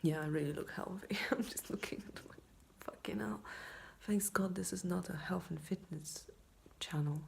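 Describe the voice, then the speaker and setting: A tired woman talking quietly at night in a rambling casual vlog, mostly in a whisper, close to her phone. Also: fairly low pitch, moderate pace, creaky, a little hiss or hum. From Poland. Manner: quiet, hushed night-time talk, often whispering; rambling, self-deprecating. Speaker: vlogger. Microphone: iPhone, leaning in close.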